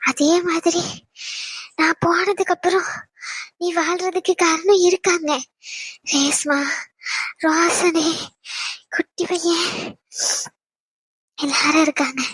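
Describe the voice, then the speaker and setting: A woman voicing a frail, dying elderly mother who speaks softly and runs short of breath. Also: very high voice, no echo, full character voice. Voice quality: soft, weak and breathless. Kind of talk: animated drama dub.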